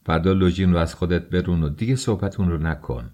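A man's voice: low voice, a little mellow, close to an everyday voice. A man voicing a feverish, bitter young man in an audiobook, curt and angry. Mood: stern. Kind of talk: audiobook character voice.

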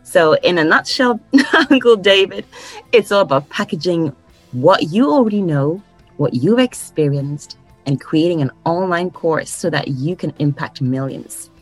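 A woman from Ghana, a guest coach on a podcast interview, telling stories in an animated way and laughing often. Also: lowish voice, unhurried, soft background music, low-quality recording. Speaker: guest, course creation coach.

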